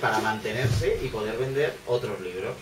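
A man's voice: fairly low pitch, normal speed. A man, speaking on a bookshop author panel, rambling with many fillers and restarts. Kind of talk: casual panel discussion. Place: bookshop café, seated at a table. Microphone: far camera. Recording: echoey room, distant mic, noise.

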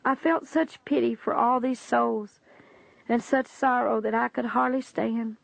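A woman's voice: on the high side, steady tone, a little slow, creaky, dry recording. A woman reading a religious testimony aloud in an earnest, preachy way, calling the listener her friend. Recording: dull, dry lo-fi recording.

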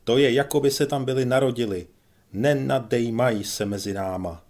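A man's voice: medium pitch, darkish tone, close to an everyday voice. A man voicing a spiteful townsman with a piercing voice, sneering at a fellow citizen. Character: shrill spiteful male townsman.

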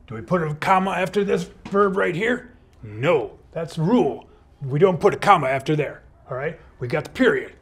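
A man's voice: fairly high pitch, expressive, moderate pace, breathy edge. A man teaching kids grammar in a playful, upbeat superhero persona. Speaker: teacher playing a comma superhero. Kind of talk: educational video for kids.

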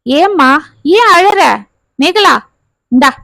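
A woman reading the part of a concerned young man who gently questions a troubled friend in a family story. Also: very high-pitched, expressive, slow pace, dry recording, pitched above the performer's own voice, full character voice.

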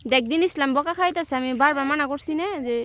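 High-voiced woman directing kids outdoors. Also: fast talker. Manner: lively, bossy instructions to children. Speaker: vlogger. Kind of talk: casual outdoor vlog chat. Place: outdoors, dry rural field.

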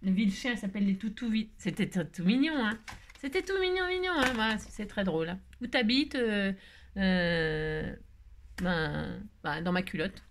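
Here a woman speaks at medium pitch and a moderate pace. She runs a scrapbooking vlog and chats her way through opening mail, rambling playfully with plenty of fillers and teasing asides.

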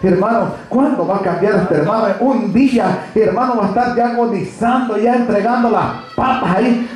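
A man's voice: high-pitched, moderate pace. A man preaching a sermon as pastor, speaking with emphasis and calling out to the congregation. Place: church hall. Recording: very echoey church hall.

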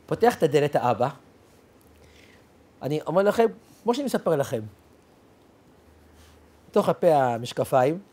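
A rabbi tells his story with great animation, his pitch swinging widely from low asides to high exclamations. He acts out every exchange and adds little sound effects as he goes. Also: big pitch swings, long pauses, a little mellow. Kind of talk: storytelling sermon.

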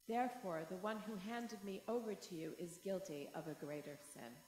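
Casual: calm measured jesus, read by a woman, long church reverb. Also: medium pitch, slight background noise, natural voice. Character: Jesus, calm grown man on trial. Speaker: liturgy reader. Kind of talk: dramatic scripture reading. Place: large church. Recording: echoey church from far off.

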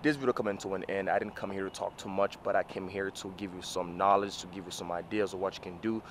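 A man's voice: low voice, steady tone, quick pace, slight background noise. A man in his thirties giving a casual instructional vlog, repeating himself as he explains things straight to the viewers, speaking into a camera outdoors. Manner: repetitive, explanatory, addresses viewers directly as "you guys". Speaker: mobile car detailer and video host. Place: outdoors on an open rooftop parking lot beside a van. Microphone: camera mic, mostly handheld at arm's length.

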